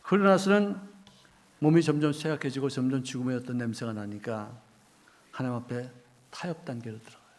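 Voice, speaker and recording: A middle-aged male pastor preaching a sermon, quizzing the congregation and acting out quoted voices, with sudden swings between loud outbursts and hushed asides. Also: mid-range voice, brisk.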